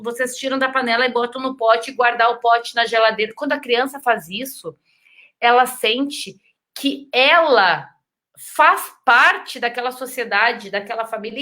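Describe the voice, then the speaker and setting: Bright high-voiced woman hosting a live. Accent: Brazilian Portuguese. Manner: chatty, warm greetings to viewers, sends kisses. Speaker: live stream host. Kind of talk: casual live stream chat reading comments.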